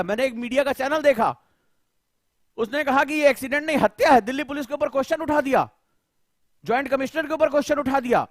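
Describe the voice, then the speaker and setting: A man's voice: extremely high pitch, a bit bright, no echo, clean studio sound. A male coaching teacher lecturing students, firing rhetorical questions and scolding them.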